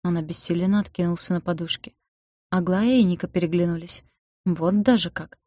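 A woman giving even, scripted audiobook narration. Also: on the low side, a little fast.

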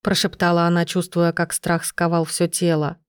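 Brief: female audiobook narrator, lowish voice, dry close sound. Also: monotone, normal speed, clear, resonant tone, dry recording. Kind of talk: scripted narration.

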